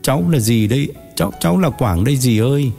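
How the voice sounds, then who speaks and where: A man's voice: mid-range voice, expressive, normal speed, dark tone, faint music behind, close to an everyday voice. A man voicing a weary, tearful man down on his luck, hesitant and pleading.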